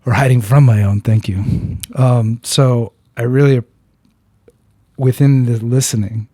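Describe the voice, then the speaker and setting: A man of medium pitch speaks at a measured pace in a steady, warm tone. As a podcast host recounting a personal story to his guest, he's earnest and candid, fumbling for words, restarting often, and using blunt profanity. The sound is clean studio audio with no room sound.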